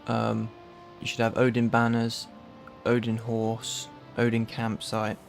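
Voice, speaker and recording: A man's voice: mid-range voice, monotone, slow pace, vocal fry, faint music behind. A man with a London accent, casually reading through a list of game mods with a friend. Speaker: streamer. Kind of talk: casual gaming chat.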